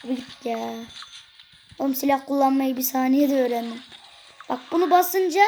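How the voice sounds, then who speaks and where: Excitable high-voiced gaming commentator. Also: moderate pace, a little hiss or hum. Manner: excitable, cursing, joking at the game characters. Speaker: gaming video creator. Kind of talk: gameplay commentary.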